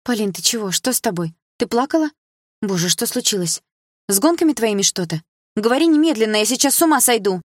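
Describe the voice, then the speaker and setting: A woman's voice: a little high, animated, no room sound, clean studio sound, pitched above the performer's own voice. A woman voicing an anxious, bossy young female friend who fires off worried questions and scolds. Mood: alarmed. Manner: agitated, scolding, fast questions.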